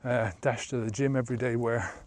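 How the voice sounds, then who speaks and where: A man's voice: mid-range voice, steady tone, fairly quick, no echo. A man of about fifty, a sobriety coach, talking casually in a vlog while walking an outdoor trail, rambling with many fillers, filmed on a handheld camera at arm's length.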